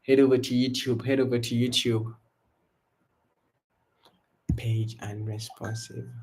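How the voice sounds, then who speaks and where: There's a little hiss or hum under this young man's medium-pitched, slightly slow voice. He's from Uganda, speaks with a Ugandan accent, and hosts a loose, casual live trading stream from a room with a branded backdrop, relaxedly firing repetitive hype calls at viewers.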